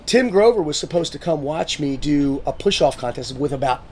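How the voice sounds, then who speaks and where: A man telling stories in a casual sit-down conversation, animated and profane, acting out what others said. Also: a little high, fairly quick. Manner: swearing, animated storyteller who acts out quotes. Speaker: guest, motivational speaker.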